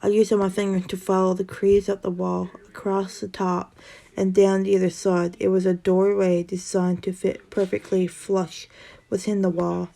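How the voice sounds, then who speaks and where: A woman narrating a first-person horror story in a steady storytelling way, with the odd tongue-tied slip. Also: mid-range voice, normal speed, creaky.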